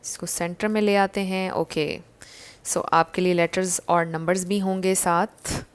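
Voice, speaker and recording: A woman giving a casual tarot reading to her viewers, gentle and reassuring, slipping English phrases into her talk. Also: lowish voice, level tone, measured pace, smooth. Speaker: tarot card reader.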